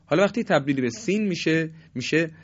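A middle-aged man teaching a Quran recitation lesson, speaking slowly and deliberately, drawing out example sounds and addressing listeners politely. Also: a little high, animated, highs cut off. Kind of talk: Tajweed lesson, explaining letter qualities.

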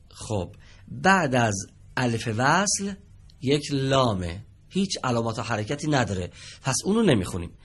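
A man's voice: medium pitch, a bit bright. A man teaching Quranic Arabic reading on a TV studio lesson, patient, asking the students questions and repeating their answers.

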